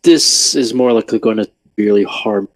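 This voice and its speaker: A man's voice: fairly low pitch, normal speed. Man on crackly cutting-out call audio. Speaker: tabletop game player. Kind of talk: casual play over a voice call.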